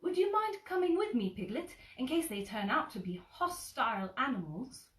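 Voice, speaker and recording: An earnest, slow-witted storybook bear, played by a woman, ponders aloud with great seriousness. The delivery is deliberate and a bit mysterious, with a lively lilt, in a roomy, slightly distant recording. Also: high-pitched, pitched above the performer's own voice. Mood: puzzled, earnest.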